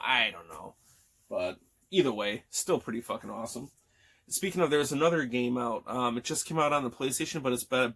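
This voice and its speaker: A man's voice: mid-range voice, fairly bright tone. A man in his thirties chatting casually about games he picked up, rambling with many fillers and restarts and swearing freely, his voice still cracking after being sick. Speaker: gaming vlogger. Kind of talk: casual chat.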